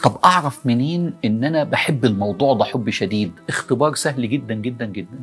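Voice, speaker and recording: A man's voice: mid-range voice, expressive, fast talker, fairly bright tone, faint music behind. A man with an Egyptian Arabic accent giving a motivational religious talk to young people, full of rhetorical questions to the audience. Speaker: preacher addressing young people.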